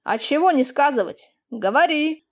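A woman's voice: sits high, lively intonation, normal speed, a little mellow. A woman reading an audiobook, voicing a stern landowner father whose voice trembles.

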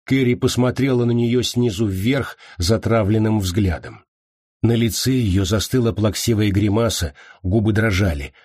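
Measured, husky male audiobook narrator. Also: fairly low pitch, darkish tone, no room sound, studio quality. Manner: slow, measured reading. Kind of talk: scripted novel narration.

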